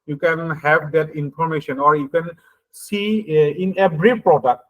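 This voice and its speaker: Lecturing in a fairly high-pitched voice with an Indian accent, a man explains ideas through everyday examples. He moves haltingly, hesitating often and briefly checking for understanding, in a steady tone on a lo-fi recording.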